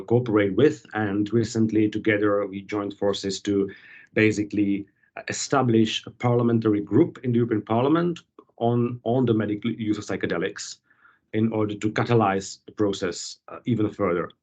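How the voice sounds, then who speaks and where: Low-voiced man on a call. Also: darkish tone, muffled recording. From Czech Republic. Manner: measured, formal policy explanation. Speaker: guest, policy advocate. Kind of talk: interview over a call. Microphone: video call.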